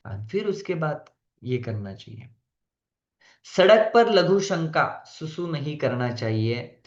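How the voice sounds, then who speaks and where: A man teaching a devotional etiquette class in a conversational way, mixing English phrases into his talk and bringing in gentle humor. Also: a little high. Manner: gentle humor, acts out quoted people. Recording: roomy, dull lo-fi sound.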